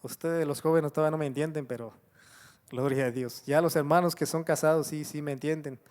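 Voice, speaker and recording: A man's voice: fairly high pitch, fairly even intonation, brisk, a little mellow. A middle-aged man preaching a sermon in a church, repeating phrases, asking his listeners questions and calling them brothers. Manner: repetitive exhortation with frequent "gloria a Dios"; addresses congregation as brothers, rhetorical questions.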